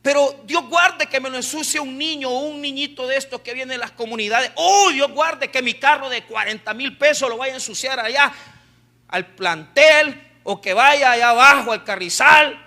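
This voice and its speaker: A fretful, stingy churchgoer man, as a preacher mimics him, fussing over his own car in a very high, bright voice. The whiny, self-protective complaining is played for a sermon lesson. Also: normal speed, exaggerated voice.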